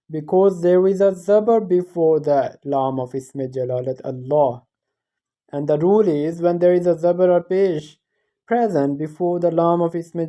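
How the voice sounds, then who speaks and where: A woman leads a recitation lesson in a low, mellow voice. She explains each rule slowly and carefully, correcting her student without hurry. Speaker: Quran recitation teacher. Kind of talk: patient tajweed lesson.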